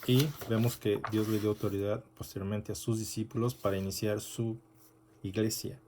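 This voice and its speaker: Low mellow-voiced male preacher. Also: little pitch movement, normal speed, slight background noise. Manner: unscripted, restarts and self-corrections, rhetorical asides. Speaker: pastor. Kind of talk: sermon.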